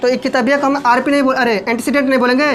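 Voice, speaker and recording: A man teaching English grammar in with a lilt, who keeps checking the class with quick questions. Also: very high voice, flat delivery, fairly bright tone, poor audio.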